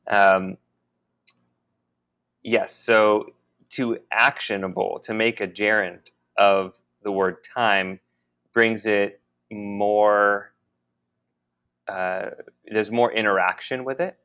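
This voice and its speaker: A man co-hosting a podcast, talking in a halting, musing way with many restarts. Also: on the low side, steady tone, bright, forceful tone, clean tone. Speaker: podcast co-host. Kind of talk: casual spiritual conversation.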